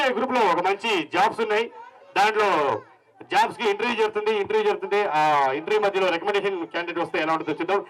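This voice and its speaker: A man's voice: high-pitched, racing, poor audio. A man with a Telugu accent co-hosting a stage event on a handheld mic, rallying the audience and introducing acts. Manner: energetic, cheering the crowd on. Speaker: co-anchor. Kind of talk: stage announcing.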